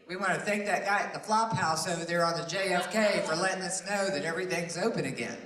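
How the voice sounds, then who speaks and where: A middle-aged man who is a veteran of traffic reporting sits on a panel at a public meeting, telling anecdotes in a chatty, folksy, animated way. His voice is a little high, bright and forceful. Recorded in a large room with a distant mic, the audio has roomy echo and background noise.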